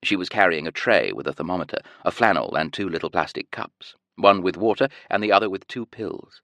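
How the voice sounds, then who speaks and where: A man reading an audiobook in a measured, expressive storytelling manner. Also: sits low, no echo. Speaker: audiobook narrator. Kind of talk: scripted audiobook narration.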